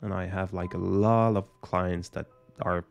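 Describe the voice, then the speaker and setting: A man's voice: deep voice, steady tone, slow pace, gravelly, highs cut off. A man in his twenties hosting a casual live Q&A, rambling and hesitant with lots of fillers, poking fun at himself. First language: French. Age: 20s. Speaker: live stream host. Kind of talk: casual live Q&A answering viewer comments.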